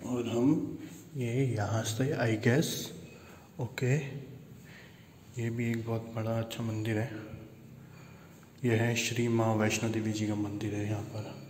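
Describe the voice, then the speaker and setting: A man's voice: fairly low pitch, little pitch movement, slow, long pauses, a little mellow, a little hiss or hum. A man vlogging as he walks through a man-made underground temple cave, often exclaiming and mixing English into his Hindi, recorded on a handheld phone. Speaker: travel vlogger. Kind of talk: walking tour vlog narration.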